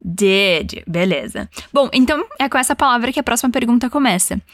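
A woman teaching an English lesson, giving encouraging prompts and modelling phrases slowly for the listener to repeat. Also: on the high side, lively intonation, a bit bright, no room sound, studio quality.

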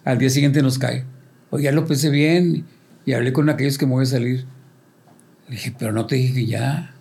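An older man telling lively stories as a band member, acting out quoted voices and sound effects in casual talk. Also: medium pitch, normal speed, vocal fry. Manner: animated storyteller, acts out quotes and sound effects. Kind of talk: casual storytelling interview.

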